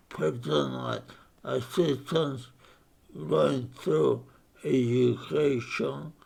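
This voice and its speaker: A man in his fifties with a speech impairment introduces himself in short, halting phrases. His delivery is very slow, his voice gravelly and husky. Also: mid-range voice, darkish tone. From Spain. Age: 50s. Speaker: board candidate.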